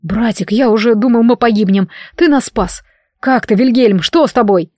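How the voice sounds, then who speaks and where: A woman's voice: a little high, normal speed, no room sound, studio quality, lightly acted. A woman voicing an anxious, eager young prince talking to his older brother. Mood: relieved. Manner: excited, pleading.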